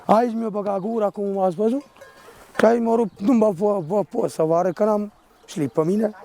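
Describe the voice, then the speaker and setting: A man working as a shepherd, telling a personal story in a rough, rambling, vivid way. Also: high voice, fairly even intonation, mellow.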